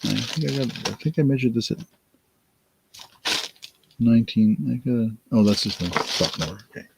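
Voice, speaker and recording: Gravelly, tired man running a casual auction. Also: mid-range voice, noisy background. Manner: unhurried, rambling, thinks aloud with many fillers. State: tired, yawning. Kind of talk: casual live-stream auction talk.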